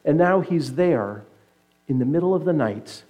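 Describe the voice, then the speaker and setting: A man preaching a sermon, retelling scripture as vivid story and letting his voice sink low and soft to stress key points. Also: expressive, a little slow, highs cut off. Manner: earnest preaching that drops low and soft for emphasis. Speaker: pastor.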